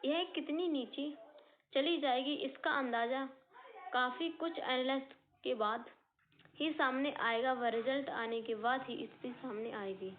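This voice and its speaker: A woman's voice: high voice, unhurried, a little hiss or hum. A woman coaching teacher explaining exam results to students in an earnest, informal way, often repeating and rephrasing her points. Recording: tinny phone-like sound.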